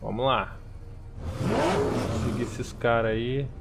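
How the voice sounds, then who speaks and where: Casual male gamer over loud game noise. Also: mid-range voice, steady tone, slow. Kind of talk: casual gameplay commentary.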